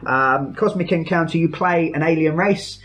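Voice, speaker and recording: Giggly podcast host. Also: male voice, a little high, moderate pace, a bit bright, a little hiss or hum. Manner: chatty, giggly, lots of ums. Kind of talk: casual podcast chat.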